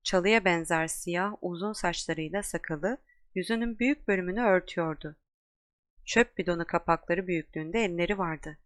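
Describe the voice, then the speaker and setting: A woman with a fairly low voice reads a storybook aloud, steady and measured. The recording is dry and close, with no room sound. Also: no room sound. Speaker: audiobook narrator. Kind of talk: scripted narration.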